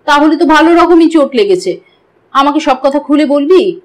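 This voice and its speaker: A woman's voice: high voice, animated, normal speed, voice pushed up. A woman voicing a fierce middle-aged mother in an audiobook, emphatic and scolding. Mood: worried, fierce.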